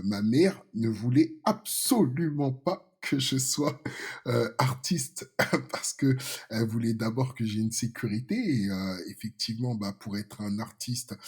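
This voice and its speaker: A man in his fifties speaks in a husky, slightly low voice. He talks in a relaxed, casual way as a podcast guest. He often stops, restarts and fills pauses while he searches for words. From France. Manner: hesitant, many fillers and restarts. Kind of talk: casual interview talk.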